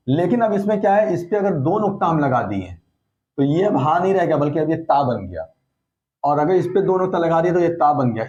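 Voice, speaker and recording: A man of medium pitch and a darkish tone gives a recorded lesson on letter shapes, with the audio's highs cut off. He explains patiently, repeating points and checking in often.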